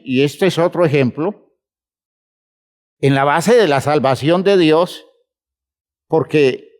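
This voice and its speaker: A man preaching a sermon, emphatic and measured, speaking to the congregation as brothers and stretching words for emphasis. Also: fairly high pitch, a little mellow.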